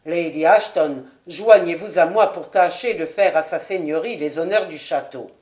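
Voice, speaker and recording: A woman's voice: on the low side, darkish tone, voice pushed down, close to an everyday voice. Woman doing a cautious, weary nobleman. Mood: placating. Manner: placating, reluctant and measured. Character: cautious middle-aged nobleman, a weary high official. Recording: roomy home recording.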